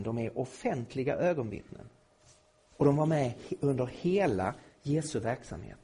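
Husky, emphatic man lecturing a group. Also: high-pitched. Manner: emphatic, rising to loud indignation. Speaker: Bible teacher. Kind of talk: lecture to a live audience.

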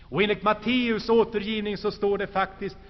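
High-voiced man preaching in a hall. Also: flat delivery. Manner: earnest, swells then drops to hushed low tones. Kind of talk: sermon. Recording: dull, lo-fi recording with long hall reverb.

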